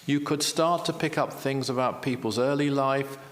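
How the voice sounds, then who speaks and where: A man's voice: mid-range voice, moderate pace, in a large hall. A man, a spiritual teacher and author, explaining in an earnest interview style, repeating key phrases with self-deprecating asides.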